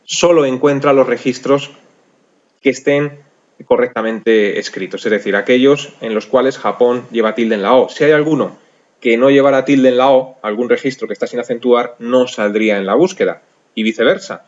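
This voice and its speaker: A man's voice: medium pitch, moderate pace, muffled recording. A man with a Spanish accent from Spain, patiently explaining a spreadsheet program step by step in a screencast tutorial, with frequent fillers. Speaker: software instructor.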